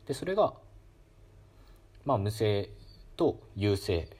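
Man, calm explanatory solo talk, husky tone, lively pitch, casual lesson style. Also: slow pace. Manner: calm, explanatory, many fillers, demonstrates sounds aloud. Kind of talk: casual educational monologue.

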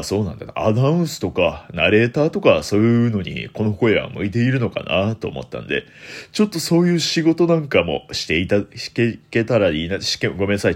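A young man hosting a solo late-night radio talk in a deliberately low, deep announcer-like voice, polite and formal with theatrical flourishes. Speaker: host of a solo internet radio show.

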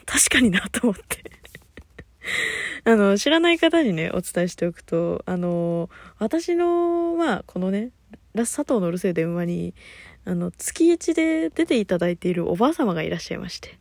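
A woman's voice: moderate pace, no room sound. A woman hosting her own talk radio show, chatting casually on her own, often losing her thread. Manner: rambling, loses her thread, laughs often; high-energy, lively talker. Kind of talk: casual solo chat.

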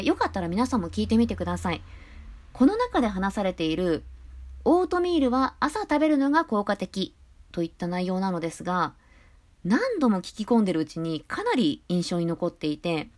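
Peppy, high-spirited woman podcaster. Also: darkish tone. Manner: high-energy and chatty. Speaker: podcast host and voice creator. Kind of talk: casual solo talk.

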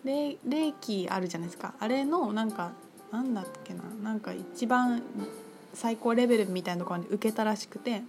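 A woman talking casually on her own about her crystal shop, chatty and full of fillers, lively when she quotes others. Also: fairly high pitch, a little fast. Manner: chatty, filler-heavy, animated quoting. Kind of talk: casual solo talk. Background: music.

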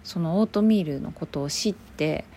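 On her own solo podcast, a woman with a Kansai Japanese accent chats casually, rambling in a relaxed way at a moderate pace. Her slightly low voice is warm and mellow, often dropping to a soft near-whisper, with a faint hiss underneath.

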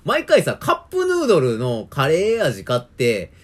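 A man's voice: fairly high pitch, normal speed. A young man with a Kansai accent telling funny stories in casual comedic chat, acting out customers and laughing often. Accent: Kansai Japanese. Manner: animated storyteller, acts out customers in loud voices, laughs often. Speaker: podcast co-host, convenience store clerk.

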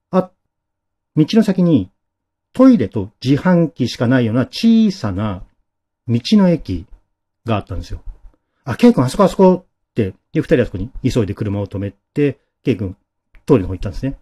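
A man narrating a ghost story dramatically, dropping to a hush at key moments. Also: mid-range voice, big pitch swings, normal speed, pauses often, breathy edge.

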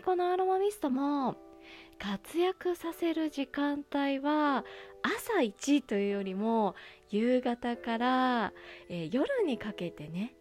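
A woman host speaks in a gentle, polite murmur. Her voice sits fairly high and swings widely in intonation, while light music plays behind her soft monologue. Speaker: host of an aroma talk show. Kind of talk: soft-spoken scripted-style monologue on aromatherapy.

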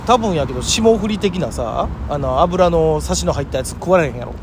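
A man in his forties with a high, very lively voice and an Osaka Kansai accent. He chides his comedy partner in casual banter, quick with retorts. Street traffic noise runs behind him. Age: 40s. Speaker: podcast host, comedian. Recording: loud-ish outdoor street traffic noise.

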